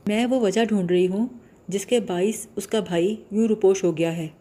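A woman reads the part of a determined young woman studying law, earnest and insistent. The voice is mellow and warm and sits at an ordinary middle pitch. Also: natural voice.

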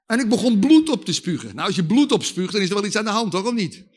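A man preaching a sermon with testimony, leading lively call-and-response with the audience and shouting at the climaxes. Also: high-pitched, fast.

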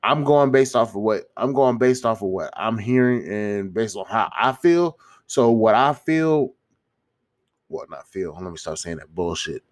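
A man's voice: on the low side, animated, a little slow. A man with a stuffy, congested nose gives casual motivational advice to viewers, rambling in slangy, sweary language and often restarting his phrases. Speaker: YouTuber giving self-improvement advice.

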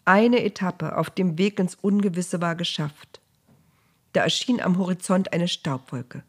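A woman narrating a Bible story in a measured, vivid storytelling manner. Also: fairly low pitch, husky.

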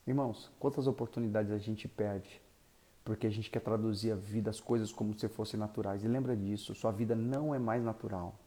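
A male pastor, telling a story in an animated sermon that swings from loud to soft. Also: fairly low pitch, fairly quick.

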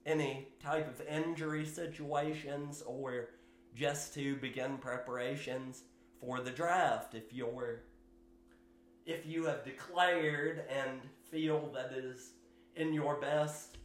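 A man hosting his own sports podcast, giving solo commentary in a slow, measured way with fillers and hedges. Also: a little high, steady tone, echoey room, slight background noise. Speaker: podcast host.

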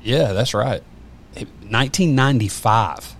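A man's voice: medium pitch, measured pace. A man chatting casually on a podcast, rambling with many fillers and restarts. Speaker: podcast guest. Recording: faint background noise.

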